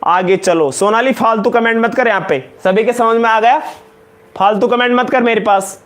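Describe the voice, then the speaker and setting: A man with a Rajasthani Hindi accent teaching chemistry in a live class, loudly repeating each question and calling students beta and janab. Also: extremely high pitch, normal speed. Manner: loud, emphatic, drills points by repetition. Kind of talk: live online lecture in Hindi.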